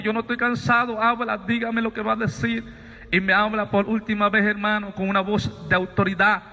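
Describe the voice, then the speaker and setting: A man's voice: sits high, sharp tone, big-room sound. A male evangelist preaching a fervent testimony sermon, telling his story and often addressing listeners as brothers.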